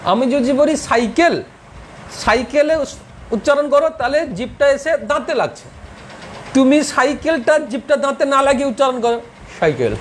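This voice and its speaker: A man's voice: extremely high pitch, normal speed, slight background noise, rough recording. Man teacher quizzing a class. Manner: quizzing students, joking and laughing. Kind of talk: classroom lecture.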